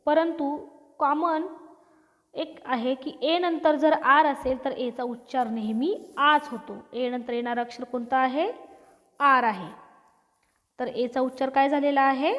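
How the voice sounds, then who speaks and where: A high-pitched woman teaches English pronunciation, asking a question and then answering it herself. She repeats each sound slowly and patiently. Her voice rings out with a long reverb around it. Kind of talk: slide-based pronunciation lesson.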